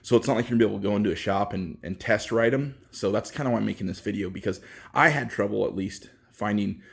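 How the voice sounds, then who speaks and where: A man giving a casual, halting walkthrough of a bike in a workshop, with lots of fillers, a bit out of breath. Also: on the low side, gravelly. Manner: rambling, halting, with many fillers. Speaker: bike reviewer. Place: indoor workshop.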